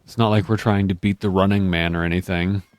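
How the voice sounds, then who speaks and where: A man's voice: low-pitched, fairly even intonation, fairly quick, no room sound. A man hosting a gaming video with informal, joking, casual gameplay commentary.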